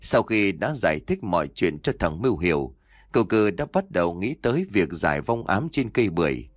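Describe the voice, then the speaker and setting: Brief: male audiobook narrator, deep voice with lively pitch, dry close sound. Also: fairly quick, no room sound. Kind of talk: scripted narration of a ghost story.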